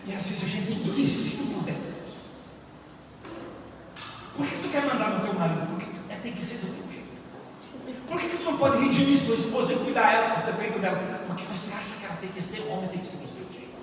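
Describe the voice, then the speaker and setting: A man with a Brazilian accent preaches in a church hall, his delivery swelling into impassioned shouts. His voice sits high for a man. He is picked up from a distance, with long reverb and clear background hiss. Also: lively intonation, fast talker. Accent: Brazilian Portuguese. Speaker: pastor. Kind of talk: sermon. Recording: echoey church hall from afar.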